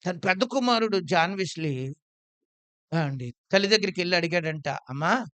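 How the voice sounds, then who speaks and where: Bright dry-voiced preacher. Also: mid-range voice, moderate pace, clear, resonant tone, no echo. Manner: asks the congregation questions and answers them, dramatic swings between loud and soft. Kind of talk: sermon.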